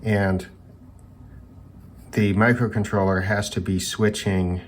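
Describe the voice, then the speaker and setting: Here a hobbyist radio reviewer with a low voice takes his time, keeping his tone steady while he talks unscripted through taking electronics apart. He thinks aloud in a musing, tentative way, and the recording carries some background noise.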